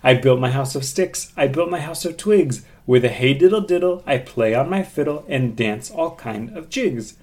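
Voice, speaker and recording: A man's voice: fairly high pitch, normal speed, darkish tone, pitched above the performer's own voice, natural voice. A man voicing carefree, lazy little pigs in a storybook tale, in a sing-song, laughing manner. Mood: merry.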